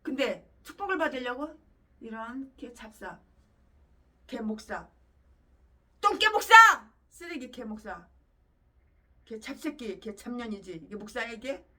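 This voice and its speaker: A woman pastor delivers a fiery sermon in an angry, scornful rant full of crude insults. Her voice is high and bright, with a sharp, piercing edge. She sounds set back from the microphone. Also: very animated, measured pace, long pauses, distant mic. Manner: angry, scornful, profane ranting.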